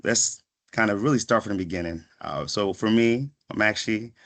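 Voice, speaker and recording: A psychiatric pharmacist in his thirties, born in Ghana and raised in the Washington, D.C. area from age five, speaks as a guest in an online video session. His voice is fairly low and a bit bright at a normal pace as he gives students a reflective, conversational motivational talk, often checking in with "right?".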